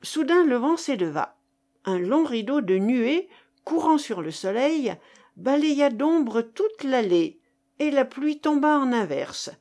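A woman narrating a classic novel aloud in a measured, expressive reading. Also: high voice. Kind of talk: audiobook reading of classic fiction.

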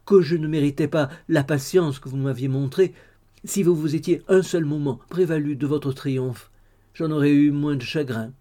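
A man's voice: a little high, moderate pace, warm tone, close to an everyday voice. Tearful young woman, read by a man. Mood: tearful, pleading. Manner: fervent, sobbing pleas. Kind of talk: audiobook reading.

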